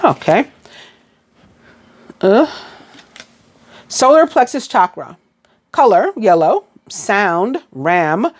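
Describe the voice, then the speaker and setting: A woman's voice: medium pitch, sing-song, extremely slow, pauses often. A woman with a New York accent giving a casual, rambling tarot reading, full of fillers and restarts. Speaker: tarot reader.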